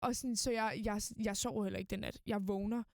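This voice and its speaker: A woman's voice: mid-range voice, steady tone, vocal fry, a little mellow, no echo, studio quality. A young woman, a student guest on a podcast, telling a long personal story in a casual way, full of fillers and quoted thoughts. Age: young adult. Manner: rambling, full of fillers and quoted inner speech.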